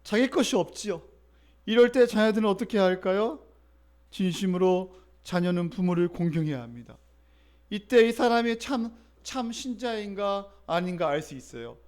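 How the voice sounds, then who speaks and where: Middle-aged guy preaching, high voice, chatty, keeps asking the church stuff. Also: lively intonation, moderate pace, darkish tone. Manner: conversational, often asks the congregation for responses. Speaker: pastor. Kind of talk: sermon.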